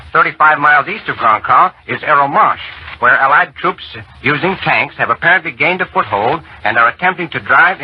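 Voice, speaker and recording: An American man giving a grave, formal 1940s war news broadcast with measured delivery on an old radio recording. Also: mid-range voice, husky, dull audio. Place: radio studio.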